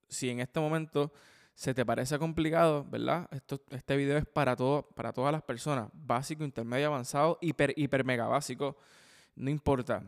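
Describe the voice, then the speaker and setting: In an instructional video lesson, a drum teacher with a resonant, slightly high, clean-toned male voice counts the sticking out loud. He keeps checking in with "ok?" and "¿verdad?", and a long hall reverb surrounds him.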